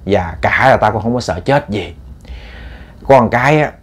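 A man's voice: lowish voice, expressive, normal speed, breathy edge. A man voicing a stern, sick old mother who scolds her daughter bluntly and at length.

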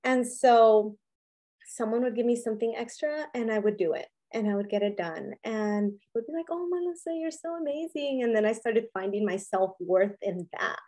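A woman's voice: medium pitch, steady tone, moderate pace, dark tone. A woman guest in an interview, telling her personal story in an earnest, candid way, often saying "you know". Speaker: interview guest, business owner.

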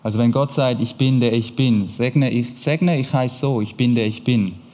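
A man's voice: mid-range voice, moderate pace, warm tone. A young man with a Swiss German accent giving a casual youth sermon, explaining things chattily with rhetorical questions. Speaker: youth church preacher. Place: church hall. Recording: long hall reverb.

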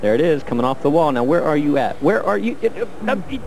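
A man's voice: a little high, big pitch swings, fast talker, vocal fry, noisy background. A man giving color commentary on a televised bowling match, breaking down each shot in a coaching way. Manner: analytical, coaching-style breakdown of shots.

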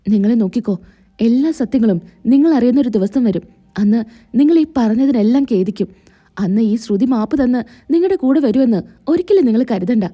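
Defiant young wife, read by a woman, firm, fairly high, dark mellow tone. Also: lively intonation, brisk.

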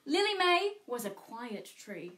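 Woman playing bubbly high Tinkerbell. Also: big pitch swings, unhurried, a bit bright, echoey room. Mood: cheerful. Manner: bubbly, exclaiming, sing-song. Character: Tinkerbell, bubbly excitable female fairy. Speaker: children's party entertainer. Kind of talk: live children's story time show.

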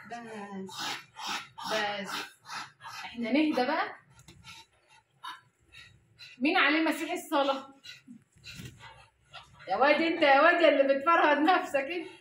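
An Egyptian woman vlogger chats to her pet ducks in a high, animated voice full of exclamations. Her tone is bright, and she keeps coaxing the birds. The room around her sounds roomy and echoey, with faint noise underneath. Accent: Egyptian Arabic. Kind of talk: casual home vlog, talking to pet ducks. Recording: roomy echoey home recording.

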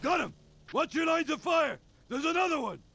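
Gruff gravelly mercenary leader. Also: male voice, very high-pitched, expressive, normal speed, bright, forceful tone, a little hiss or hum, exaggerated voice. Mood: shouting. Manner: barking orders. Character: gruff male mercenary squad leader, commanding. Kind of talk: video game dialogue.

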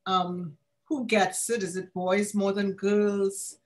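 A woman's voice: medium pitch, flat delivery, takes it slowly. Trinidadian woman hosting a health chat. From Trinidad and Tobago. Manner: warm, chatty, laughs often. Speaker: pediatrician and host. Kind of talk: online health talk interview.

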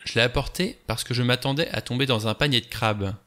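A man's voice: mid-range voice, brisk, bright, forceful tone, natural voice. A man reading the part of a cool, sardonic male adventurer who talks in a wry, offhand way.

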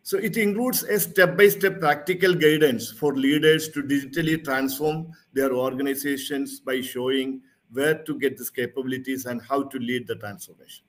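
A man's voice: medium pitch, steady tone. Formal man giving an online keynote. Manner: formal, reads slides in a measured presenter tone. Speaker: keynote speaker. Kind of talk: prepared conference keynote. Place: home or office, seen on video call. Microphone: video call webcam mic.

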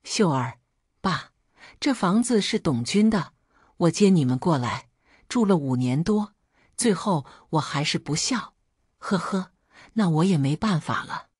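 A woman's voice: fairly low pitch, animated, a little slow, darkish tone, breathy edge, dry recording, clean studio sound. A woman voicing a middle-aged daughter who speaks hurt but firm to her parents in a storybook reading. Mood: resigned.

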